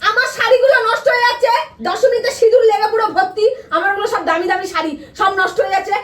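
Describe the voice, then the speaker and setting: A woman's voice: very high voice, steady tone, quick pace. A woman in a heated domestic argument, scolding, demanding and defiant. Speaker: wife. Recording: echoey room, distant mic, background noise.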